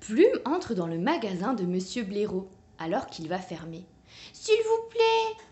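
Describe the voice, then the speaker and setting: A woman reading a children's picture book aloud in a gentle, expressive way. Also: medium pitch, normal speed, highs cut off. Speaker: storyteller.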